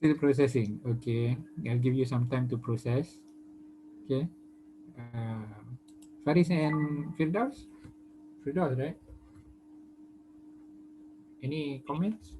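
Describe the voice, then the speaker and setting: A man's voice: mid-range voice, takes it slowly, long pauses, mellow, soft background music, poor audio. A male university lecturer giving an online lecture on a video call, hesitant with many fillers, who is losing his voice.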